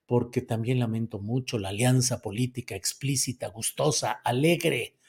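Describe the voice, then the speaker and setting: A man with a Mexican accent runs a laid-back commentary, answering viewer comments with sardonic chattiness and emphatically drawn-out words. His voice is medium in pitch, a touch mellow and slightly rough.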